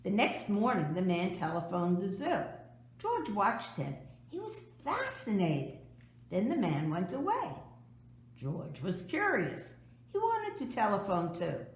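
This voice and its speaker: A woman reading a children's storybook aloud expressively, with dramatic emphasis and drawn-out words. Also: medium pitch, huge pitch swings, reverberant. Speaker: storybook reader.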